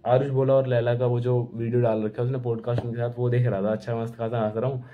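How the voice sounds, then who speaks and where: A man's voice: medium pitch, flat delivery, quick pace. A young man telling a rambling, casual travel story to camera from home. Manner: chatty, rambling, keeps saying bhai. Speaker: travel vlogger. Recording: tinny phone-like sound.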